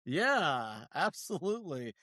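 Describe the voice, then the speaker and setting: Podcast host guy, kinda high and bright voice, rambles his questions, super dry sound. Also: big pitch swings, slow pace, no echo. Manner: meandering, loosely phrased questions. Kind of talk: casual interview questions.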